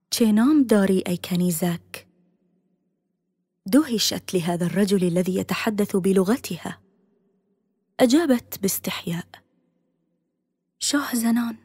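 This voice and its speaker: A woman narrating a dramatic story in a soft, half-whispered delivery. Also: medium pitch, breathy edge, dry recording, clean studio sound.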